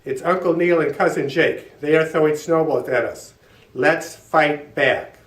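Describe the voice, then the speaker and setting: An eager, brave young grandson from a storybook as a man reads him. The delivery is earnest and simple, somewhat high in pitch, heard off the mic in an echoey room. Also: measured pace, lightly acted. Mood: bold, urgent. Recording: roomy echo, distant from mic.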